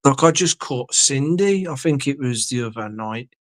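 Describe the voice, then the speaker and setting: In his indoor home studio, a livestream host chats casually with viewers, rambling, swearing, and sometimes losing his words. His voice is medium-pitched and expressive, at a moderate pace, with no room sound.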